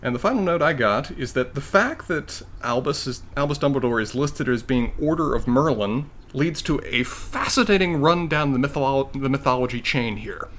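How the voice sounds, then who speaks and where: Animated, opinionated man chatting on a podcast. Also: medium pitch, moderate pace, hardly any pauses. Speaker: podcast co-host. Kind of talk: casual podcast chat.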